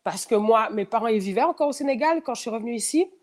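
This thirtysomething woman talks fast in a slightly high, expressive, somewhat mellow voice, with a Quebec French accent touched by a bit of France-French. As a guest in a relaxed interview she's frank and laughs frequently, her speech full of fillers, repeated words and false starts.

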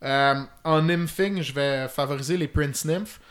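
A man's voice: on the high side, unhurried, a bit bright. Quebec man explaining fly fishing. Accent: Quebec French. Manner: detailed, technical, with many fillers. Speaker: fly-fishing guest expert. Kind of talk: casual podcast chat.

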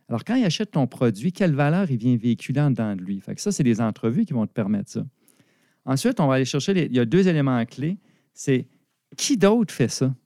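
A middle-aged man with a Quebec French accent walks through business ideas like a teacher, animated and quick to laugh. His voice is mellow and dark. The recording is dry and close. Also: medium pitch, gravelly, dry recording. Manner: animated, explanatory, laughs often. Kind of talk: conversational explanation.

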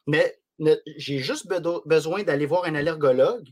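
A man in his late twenties with a Québécois French accent and a fairly high voice. He talks in quick, animated bursts, stumbling over restarts as he tells his stories. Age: late 20s. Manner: rapid, animated storytelling with frequent restarts. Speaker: podcast guest. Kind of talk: casual chat.

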